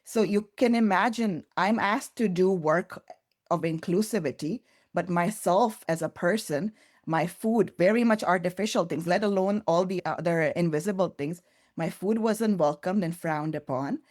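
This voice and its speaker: A woman's voice: lowish voice, moderate pace, a little mellow. A woman being interviewed on a podcast, speaking thoughtfully and earnestly, sometimes restarting words as she searches for them. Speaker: early childhood curriculum developer, guest.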